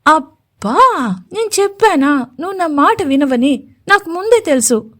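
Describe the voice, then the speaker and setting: A woman's voice: high voice, big pitch swings, moderate pace. A woman voicing a shy young woman in love, coy and a little whiny as she protests.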